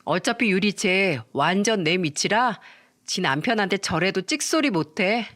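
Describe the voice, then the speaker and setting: A woman's voice: medium pitch, expressive, measured pace, fairly bright tone. A smug older sister drawls her scorn, as a woman narrator does her. Every word sounds dismissive and superior. It is an acted story for online radio.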